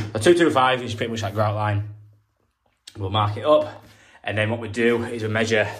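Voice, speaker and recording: Finishing up a bathroom job indoors, a British plumber chats casually to camera for his work vlog, a little winded. He has a fairly low, fairly bright voice with slight background noise, and he rambles on while poking fun at himself.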